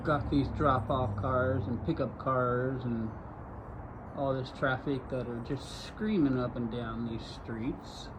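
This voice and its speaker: Slow, emphatic man over traffic noise. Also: mid-range voice, fairly even intonation. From Arizona. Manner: urgent, repetitive, emphatic. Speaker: vlogger. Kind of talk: outdoor commentary vlog. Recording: lo-fi with loud outdoor noise.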